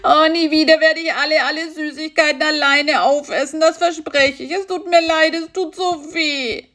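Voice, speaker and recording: A high, wailing voice for a big male spider who moans and complains, put on by a woman reading a storybook aloud, with a gravelly edge. He whimpers and jammers in a pitched-up tone. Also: expressive, measured pace, fairly bright tone, exaggerated voice. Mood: jammering. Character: whiny male cross spider with toothache.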